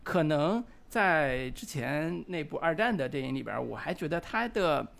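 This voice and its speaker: A middle-aged man in his forties, co-hosting a podcast and talking slowly and reflectively about a film, with frequent hesitant fillers. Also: on the high side, animated, gravelly, a bit bright. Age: 40s. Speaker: podcast co-host. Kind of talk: casual film discussion.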